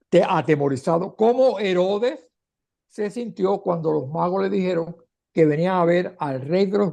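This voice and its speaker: Guy teaching bible class, high gravelly voice, reads verses then explains em. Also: mellow. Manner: explanatory, reads scripture aloud then comments, occasional restarts. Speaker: catechist.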